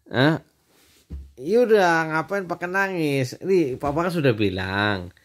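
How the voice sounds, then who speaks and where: A man, a father filming a home video and gently teasing his daughter. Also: on the high side, lively intonation. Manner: teasing, coaxing, slow-spoken. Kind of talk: casual family home video.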